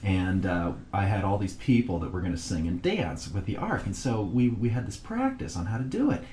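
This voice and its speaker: A man interviewing a family member in a casual conversation, reminiscing and gently prompting with questions. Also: lowish voice, big pitch swings, a little fast. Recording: roomy recording with faint noise.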